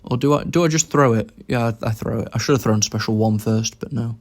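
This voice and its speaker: A man's voice: medium pitch, fairly quick. A young man giving casual commentary over his own game, thinking aloud about each move as he plays.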